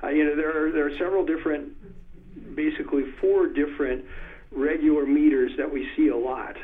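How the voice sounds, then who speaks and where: A man's voice: fairly high pitch, fairly even intonation. Thoughtful man on a tinny phone line. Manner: thoughtful, hesitant with many ums, recites verse slowly with stress. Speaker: poetry expert guest. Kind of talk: conversational interview.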